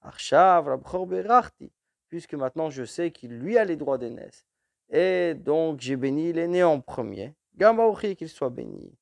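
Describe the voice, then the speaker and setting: A man teaching a verse-by-verse text study, reading each Hebrew phrase and then slowly translating it into French, with frequent restarts. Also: fairly high pitch, expressive, gravelly, mellow, dry recording. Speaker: Torah teacher.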